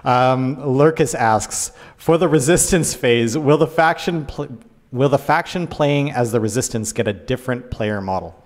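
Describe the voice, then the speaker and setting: A man's voice: mid-range voice, unhurried, big-room sound. A man hosting a game stream, reading community questions aloud in a light, joking way. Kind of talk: casual panel chat.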